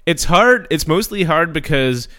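A man's voice: a little high, lively intonation, measured pace, sharp tone. A man in casual comedic gaming banter who talks hesitantly, full of fillers.

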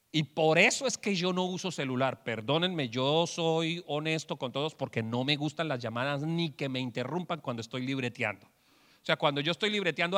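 Male preacher, bright, high voice, joking animated sermon, hall echo. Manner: animated storyteller acting out quotes. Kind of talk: humorous sermon with jokes. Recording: long hall reverb.

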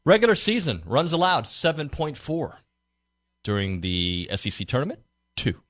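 A man's voice: fairly high pitch, big pitch swings, moderate pace, a bit bright, no room sound. A man hosting a casual sports talk radio show from a studio, reading stats and sponsor spots in a playful way. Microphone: studio mic.

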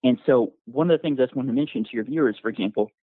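Male caller, winded from running, halting delivery, phone-line sound. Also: medium pitch, husky, no room sound. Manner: halting, many fillers and restarts. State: out of breath after a run.

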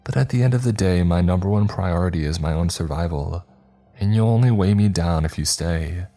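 A man voicing a weary older woman who has survived on an island for decades, speaking gently but bluntly. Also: deep voice, a little fast, soft background music. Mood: hard.

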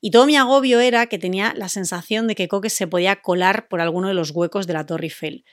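A woman's voice: mid-range voice, fast, dry recording, studio quality. A woman, telling a personal story on a podcast in a chatty, hesitant way with many fillers. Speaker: podcast co-host. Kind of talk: casual storytelling. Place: room recorded for a podcast.

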